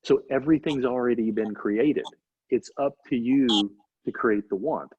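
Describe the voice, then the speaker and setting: A middle-aged man, an interview guest, telling animated faith-driven stories and often asking "right?". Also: mid-range voice, normal speed, breathy edge. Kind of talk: casual storytelling interview. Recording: dry, slightly dull recording.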